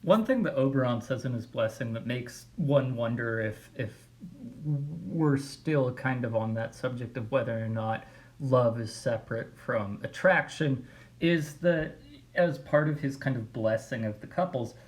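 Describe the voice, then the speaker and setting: A man's voice: mid-range voice, measured pace. A male teacher giving a recorded video lecture in a casual way, thinking aloud with frequent fillers.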